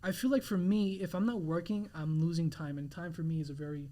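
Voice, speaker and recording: A young man with a somewhat higher voice speaks as a guest on a podcast. He talks earnestly, restarting phrases and reaching for words as he explains himself. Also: fairly even intonation, warm tone. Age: 20s. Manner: earnest, halting, many restarts and fillers. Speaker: realtor guest. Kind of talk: casual interview chat.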